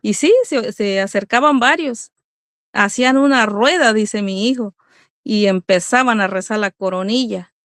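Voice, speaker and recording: A woman's voice: mid-range voice, unhurried, a bit bright, dry recording, studio quality. A middle-aged woman giving an earnest religious testimony as a mother, speaking to her listeners as brothers.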